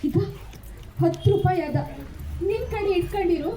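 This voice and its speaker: A woman's voice: very high voice, normal speed, mellow, slight background noise. A woman with a North Karnataka Kannada accent voicing a poor, downtrodden young village wife in a dramatic story reading, with a plaintive, brooding manner. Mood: pleading. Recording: roomy home recording.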